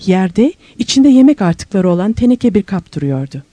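A woman's voice: mid-range voice, very animated, moderate pace, mellow, no echo. A woman narrating a novel aloud as an audiobook reader, telling the story expressively and lifting her voice for questions and moments of wonder.

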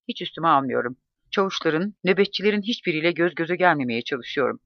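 A man's voice: a little high, no room sound. Man reading a memoir in a dull, dry recording. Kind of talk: first-person audiobook narration.

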